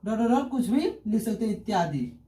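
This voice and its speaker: Brisk and very animated, a male teacher with a high-pitched, warm voice gives an online grammar lesson. He asks questions, answers them himself, and repeats the key terms, all captured distantly with a roomy echo.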